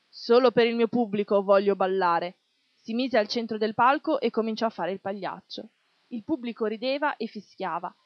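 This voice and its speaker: A woman reading a literary short story aloud in a steady, measured way. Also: mid-range voice, no echo. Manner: steady measured reading, voicing shouts in quotes. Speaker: reader. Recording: dull lo-fi dry recording.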